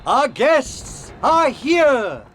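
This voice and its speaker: An older British wizard professor, jovial and fussy. His high voice rises and falls theatrically as he plays the effusive, avuncular host in a video game. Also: big pitch swings, drawn-out words, a bit bright, slight background noise, exaggerated voice. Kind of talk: video game cutscene acting.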